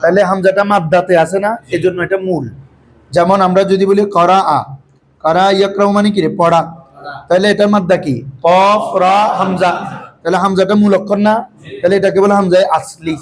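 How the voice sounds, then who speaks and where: A man's voice: high voice, little pitch movement, fairly quick. A man teaching Arabic grammar in a classroom, explaining patiently in colloquial speech and quizzing his students with constant questions. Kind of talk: classroom lecture with call-and-response. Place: classroom with students seated in front.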